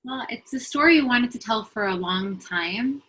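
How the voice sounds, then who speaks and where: Earnest LA writer, bright voice, thoughtful and fluent. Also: female voice, on the high side, lively intonation, moderate pace, husky, low-quality recording. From Los Angeles, US. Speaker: writer and producer. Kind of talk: casual interview answers.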